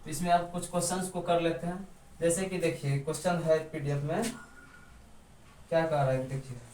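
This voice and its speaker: A man's voice: on the high side, little pitch movement, moderate pace, darkish tone. A man teaching math step by step at a board, asking his students questions and then answering them himself. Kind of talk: step-by-step blackboard math lesson. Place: room with a board. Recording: echoey room, distant mic, faint background noise.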